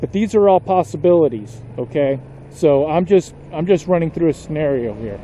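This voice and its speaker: A man making a somber motorcycle vlog, talking slowly and haltingly and choking back emotion. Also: on the high side, animated, mellow, slight background noise. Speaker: motorcycle vlogger.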